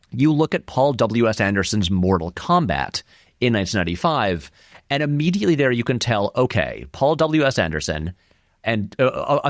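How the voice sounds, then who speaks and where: A filmmaker and video essayist, here an interview guest, gives casual film commentary in a rambling, think-aloud way, leaning on key words. His voice is lowish, and the recording is dry and studio quality.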